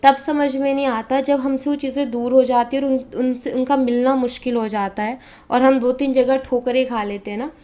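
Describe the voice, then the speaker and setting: A woman from India talks through a tarot reading in a casual, conversational way. Her voice sits a little high, and she mixes English words in freely with frequent hesitation fillers. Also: fairly even intonation, moderate pace, mellow. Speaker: tarot reader.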